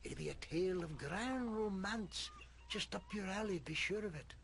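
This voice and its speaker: Gruff old fisherman, higher-pitched, soft-voiced. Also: expressive, moderate pace, a little hiss or hum, heavily acted. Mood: wistful, yarning. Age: older. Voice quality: soft, relaxing voice. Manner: gruff old fisherman, rustic pirate-like sailor speech. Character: gruff old sailor, grumpy storyteller mending nets. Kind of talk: video game character acting.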